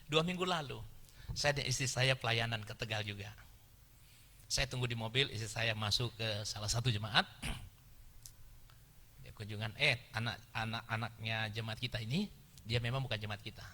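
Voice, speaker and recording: A middle-aged man preaching a sermon as pastor, animated, moving between hushed asides and loud exclamations. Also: medium pitch, normal speed, pauses often. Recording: reverberant church hall.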